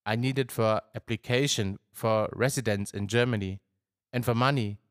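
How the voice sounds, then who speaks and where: A man's voice: on the low side, fairly even intonation, moderate pace, fairly bright tone, dry recording, clean studio sound, close to an everyday voice. A man voicing a grateful young female refugee who speaks English, polite and hopeful.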